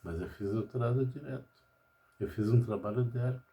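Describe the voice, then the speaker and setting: Rambling older man, mellow voice. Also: mid-range voice, a little fast. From Brazil. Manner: rambling, tags nearly every phrase with "né?". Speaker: pharmacist. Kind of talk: personal monologue vlog. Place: at home.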